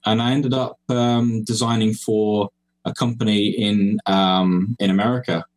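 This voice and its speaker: Heard through poor audio, this geocoin designer appears as a podcast guest in a casual call. He's in his forties, from England but raised in Cyprus, with an English accent; his lowish voice is fairly even and a little slow, full of fillers, hesitations, and restarts.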